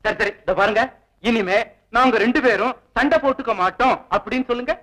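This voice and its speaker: An actor playing a kindly, fatherly man of the house in a 1960s film drama, speaking in a gentle, indulgent, teasing way. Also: very high-pitched, quick pace, rough recording.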